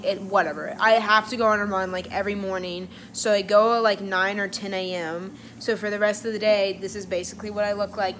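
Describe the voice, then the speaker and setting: A woman's voice: mid-range voice, fairly bright tone, a little hiss or hum. Chatty young woman vlogging, rambling. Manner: rambling, self-deprecating, with many fillers. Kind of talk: casual vlog chat.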